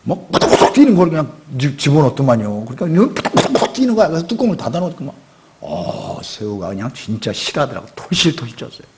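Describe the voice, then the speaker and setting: Lively, animated middle-aged male pastor. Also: mid-range voice, a little fast, a little hiss or hum. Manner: lively, conversational preaching with acted-out quotes and sudden shouts. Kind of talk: sermon. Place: church sanctuary.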